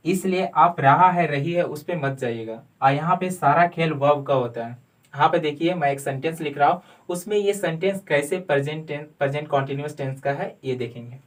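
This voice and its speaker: A man teaches a grammar lesson from a board, his voice a little higher than most men's. He works step by step, asks and answers his own questions, and spells words out letter by letter. He stands some way from the microphone, so the sound is distant. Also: fairly quick. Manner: calls the viewer "my friend". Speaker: English teacher.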